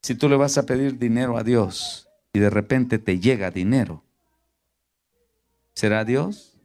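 A male preacher giving a sermon, firing rhetorical questions at his congregation and swinging between loud emphatic lines and hushed low ones. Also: a little slow.

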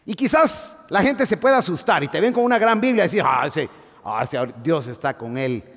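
A man preaching a sermon as pastor, swinging from shouting to hushed asides. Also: sits high, expressive, a little fast. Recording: long hall reverb.

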